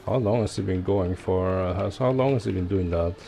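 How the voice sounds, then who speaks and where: A man's voice: low-pitched, a little fast, creaky, mellow, faint music behind. A man chatting casually and informally to viewers as he streams a game. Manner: informal, swearing, addressing viewers. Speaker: live streamer, gamer. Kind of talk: casual live-stream gaming chat.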